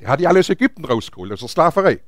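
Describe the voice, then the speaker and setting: A man's voice: fairly high pitch, sing-song, rapid-fire, no echo, clean studio sound. A man preaching a sermon, telling a Bible story in a chatty way and asking his listeners questions. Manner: chatty, asks the audience questions.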